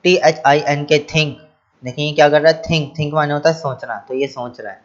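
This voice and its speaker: A man's voice: fairly high pitch, steady tone, a little fast, lo-fi sound. A male teacher explaining English action words to children. He spells each word letter by letter, then repeats it, translates it and asks the class rhetorical questions.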